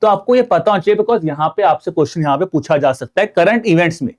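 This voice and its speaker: A man's voice: fairly high pitch, quick pace, darkish tone. A man with an Indian accent giving an online exam-preparation lecture, explaining step by step and often calling his viewers friends while mixing in English terms. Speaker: exam prep teacher.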